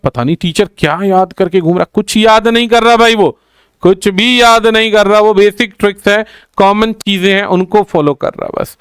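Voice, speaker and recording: A man's voice: high-pitched, smooth, no echo, clean studio sound. A male teacher explaining exam answers, repeating key points and calling his students "bhai" as he mixes in English grammar terms.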